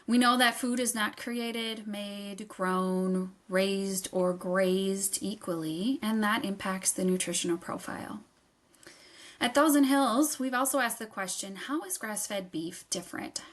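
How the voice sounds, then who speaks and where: A woman's voice: medium pitch, unhurried. A woman reading a scripted podcast introduction in a polished, upbeat manner. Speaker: show announcer.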